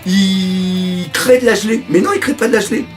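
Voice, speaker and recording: Excitable high-voiced French man. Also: moderate pace, faint music behind. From France. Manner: excitable, swears often, reads panels aloud. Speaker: manga reaction streamer. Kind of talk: live reaction commentary.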